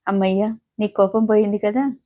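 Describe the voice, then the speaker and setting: A woman's voice: mid-range voice, steady tone, normal speed, warm tone, close to an everyday voice. A woman voicing a playful, affectionate young woman who chats eagerly with her elder friend. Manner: eager, chatty.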